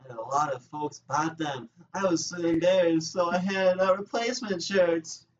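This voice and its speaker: A man's voice: fairly high pitch, normal speed, pitched above the performer's own voice, close to an everyday voice. A man voicing a chatty animal villager, reading out little everyday game fortunes in character. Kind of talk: game text read aloud in character. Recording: distant, dull mic with faint noise.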